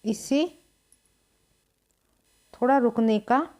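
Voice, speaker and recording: Woman teacher, slightly high voice, very slow and patient with long pauses, step-by-step grammar lesson. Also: a little mellow. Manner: unhurried, explains step by step with pauses; clears throat now and then. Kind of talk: slow board-writing lesson.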